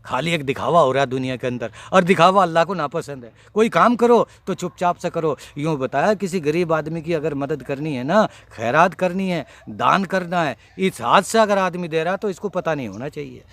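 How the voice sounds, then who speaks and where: A man preaching a sermon, repeating rhetorical questions and hitting key words with sharp emphasis. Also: fairly high pitch, lively intonation, normal speed, few pauses, no room sound.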